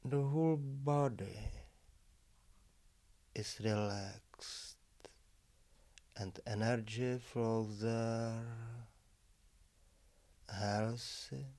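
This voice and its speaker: This is a man at a medium pitch guiding a relaxation meditation, recorded dry. He delivers short, calm, measured phrases with long pauses in between.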